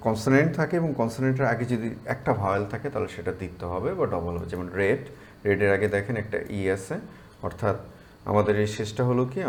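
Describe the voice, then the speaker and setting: A man's voice: fairly low pitch, darkish tone. A man with a Bangladeshi Bengali accent, teaching an exam-prep English class, explaining patiently and checking in with his learners.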